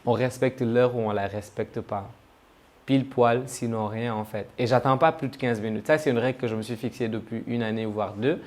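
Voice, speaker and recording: A man's voice: mid-range voice, fairly even intonation, moderate pace, darkish tone. A man from Senegal talking casually to camera about himself, chatty and joking at his own expense. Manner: chatty, joking, self-mocking. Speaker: travel vlogger.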